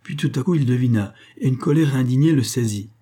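A man narrating a classic novel aloud in a measured, expressive reading. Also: mid-range voice. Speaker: reader of a novel. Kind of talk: literary audiobook narration.

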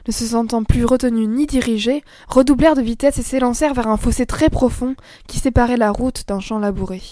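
Woman narrator, storybook reading, measured and expressive, fairly high, dry sound. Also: no echo. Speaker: audiobook narrator. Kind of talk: scripted narration.

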